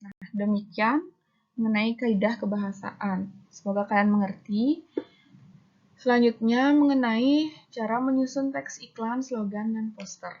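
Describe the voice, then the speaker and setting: A woman teaches a recorded lesson, explaining patiently and reading out examples. Her voice sits a little high. The recording sounds dull and lo-fi. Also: fairly even intonation, unhurried, a little mellow. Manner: explains step by step, reads examples aloud with fillers.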